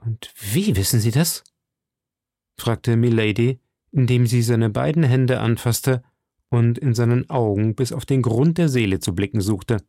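A male audiobook narrator reads in a steady, formal way, his voice carrying a gravelly grain at mid pitch. The sound is dry and close to the mic, with no room echo. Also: moderate pace. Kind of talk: scripted narration of a classic novel.

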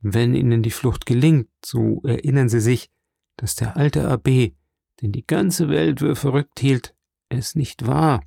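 A man voicing a dying old priest in an audiobook, slow, earnest and fatherly, weak and failing. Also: mid-range voice, creaky, dark tone, husky, dry recording, clean studio sound, heavily acted. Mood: tender. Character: dying old male priest, gentle and solemn. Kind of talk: audiobook character reading.

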